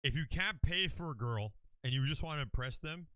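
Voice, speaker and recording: Fast-talking, joking Southern Californian man. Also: fairly high pitch, animated, pushed and bright, no room sound. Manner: fast, joking, profane, says "bro" a lot. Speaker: podcast co-host. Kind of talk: casual chat, joking riffs.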